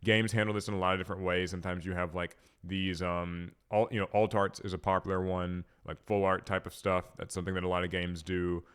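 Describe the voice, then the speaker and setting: A young man hosts a card game podcast, talking casually on his own to camera while a bit stuffy from a cold, rambling with plenty of fillers and restarts. His low, smooth, slightly bright voice has a level tone and a brisk pace with few pauses.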